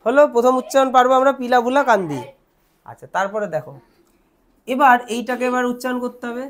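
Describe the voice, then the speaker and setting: A woman's voice: fairly high pitch, expressive. A young woman teacher with a Bengali accent explains a lesson step by step, asking questions and answering them herself. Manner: asks questions and answers them herself, repeats words slowly.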